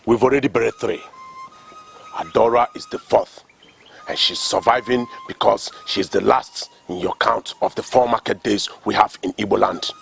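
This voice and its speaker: A man's voice: lowish voice, fairly even intonation, moderate pace, creaky, fairly bright tone, faint music behind. A man with a Nigerian accent playing a stern, demanding king in a film drama, speaking in a commanding, declamatory way. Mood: angry, threatening. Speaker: actor.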